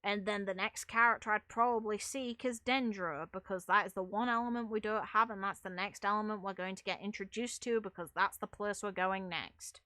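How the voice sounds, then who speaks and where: Over background music, a woman hosts a gaming video with casual, rambling gameplay commentary. Her mid-range voice is bright and forceful, with fairly even intonation, a fairly quick pace, few pauses, and no room sound.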